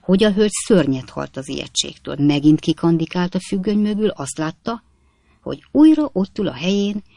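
A man reading a classic novel aloud as audiobook narrator, in measured storytelling. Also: sits high, lively intonation, vocal fry, dark tone, no room sound. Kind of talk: scripted narration.

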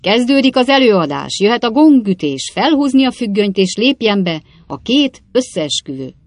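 Male narrator doing a cheeky storybook manservant, raised livelier voice, gravelly, showman patter. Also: high-pitched, sing-song, no echo, pitched above the performer's own voice. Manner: cheeky, showman-like, full of sayings.

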